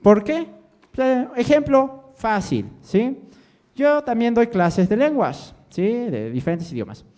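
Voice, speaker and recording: A man's voice: very high voice, big pitch swings, takes it slowly, darkish tone. A man giving a lecture as a language teacher, constantly checking in with the audience and joking with them. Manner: quizzes the audience with constant "¿sí?" and jokes. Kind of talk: interactive lecture to students.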